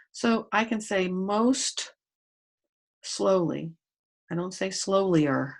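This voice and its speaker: With a lowish voice and some vocal fry, a woman teaches a grade school grammar lesson to pupils at home. She explains things patiently, step by step, and spells out letters.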